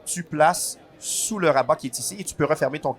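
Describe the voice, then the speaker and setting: A man's voice: a little high, fairly quick, breathy edge. A man at a game festival stand, patiently walking someone through the rules of a board game step by step, with the odd dry joke. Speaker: board game publisher guest.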